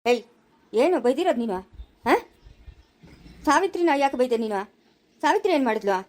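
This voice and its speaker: A woman playing an angry middle-aged village father who loudly defends his wife, in a rural Chikkaballapura Kannada accent. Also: high voice, lively intonation, normal speed. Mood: indignant. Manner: scolding, loud and indignant. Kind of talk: amateur family drama acting.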